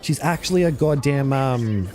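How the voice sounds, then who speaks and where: A man streaming a game live, reacting loudly, swearing freely and thinking out loud as he plays. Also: mid-range voice, normal speed. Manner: excitable, swears a lot, thinks aloud. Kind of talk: casual live-stream commentary. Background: faint game music.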